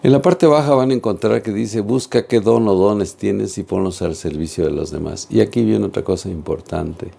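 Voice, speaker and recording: A man's voice: lowish voice, normal speed, vocal fry, few pauses, mellow. A man giving an earnest religious teaching talk, speaking straight to viewers and asking them questions. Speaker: catechist.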